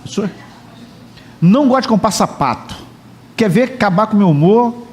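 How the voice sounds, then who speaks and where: A man's voice: high-pitched, animated, normal speed. A man preaching a sermon as pastor in a church, joking and chatting with the congregation. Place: church hall.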